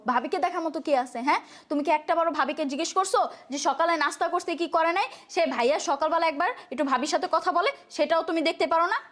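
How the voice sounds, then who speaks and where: An exasperated pregnant young daughter, played by a woman in a comedy skit. She lectures and argues back in a very high voice at a quick clip. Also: a bit bright. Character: exasperated pregnant young daughter defending her sister-in-law.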